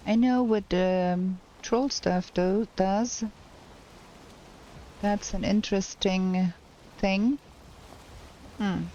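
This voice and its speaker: A woman streamer giving casual gameplay commentary, thinking aloud in a slow, hesitant way, her voice cracking because she is unwell. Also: medium pitch, steady tone, warm tone, muffled recording, slight background noise. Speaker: game streamer.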